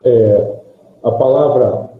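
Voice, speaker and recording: A man's voice comes through a tinny, echoey call line. He speaks very slowly as a student, asking short questions about how words are pronounced. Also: medium pitch.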